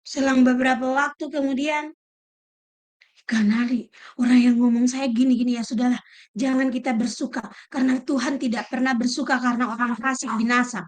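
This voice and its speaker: High-voiced, animated woman preacher. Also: brisk. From Indonesia. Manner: emphatic, lively preaching with acted-out quotes. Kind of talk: sermon.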